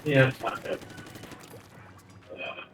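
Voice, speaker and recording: A man's voice: drawn-out words, a bit bright, roomy sound, distant mic, soft background music. A man on a remote voice call, his voice sounding crunchy and bitcrushed, chatting casually and swearing while gaming. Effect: crunchy, bitcrushed call audio. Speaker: fellow player on a voice call.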